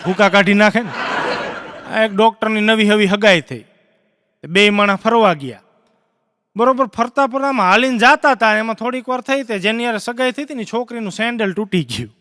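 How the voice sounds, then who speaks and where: A man telling jokes in live stand-up, a lively storyteller who acts out the characters on a stage before an audience. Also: high voice, moderate pace, dry recording, studio quality, long reverb tail. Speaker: stand-up comedian.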